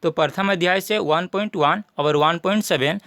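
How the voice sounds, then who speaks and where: High-voiced man going over a syllabus. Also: normal speed, gravelly, fairly bright tone, dry recording. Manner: methodical, repeats points for students. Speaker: teacher. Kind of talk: syllabus walkthrough lesson.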